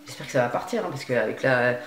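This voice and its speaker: A woman's voice: extremely low pitch, lively intonation, fast talker. A woman chats away in loose, slangy street talk as she films herself dyeing her hair at home at night, poking fun at herself as she goes. Her voice carries a roomy echo. Faint music plays behind her. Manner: slangy, chatty, self-mocking. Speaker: beauty vlogger. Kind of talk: casual vlog chat while dyeing her hair.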